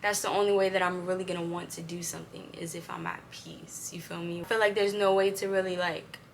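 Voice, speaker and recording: A woman's voice: lowish voice, flat delivery, fairly quick, creaky, a little hiss or hum. A young adult woman chatting casually to her followers in a laid-back, slangy stoner way, as a vlogger. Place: inside a parked car, later a room at home.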